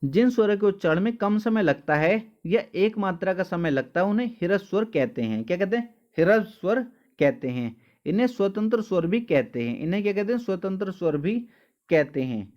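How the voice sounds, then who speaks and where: A man's voice: high-pitched, sing-song, a little fast, a little mellow, highs cut off. A male teacher giving an exam-prep lesson, asking questions and answering them himself, calling the students dear children. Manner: addresses listeners as dear children.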